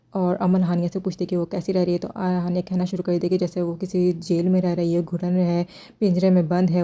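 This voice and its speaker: A woman's voice: lowish voice, mellow. A woman retelling drama episodes scene by scene, with critical remarks in between. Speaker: drama reviewer. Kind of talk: drama episode recap and review.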